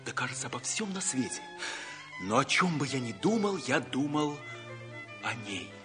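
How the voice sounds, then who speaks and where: A man's voice: mid-range voice, moderate pace, music in the background, close to an everyday voice. An actor playing an earnest, romantic young man in a theatrical old radio drama style. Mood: hushed, confiding. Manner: theatrical, declamatory, expressive. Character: Sanya, earnest, romantic young man telling his life story.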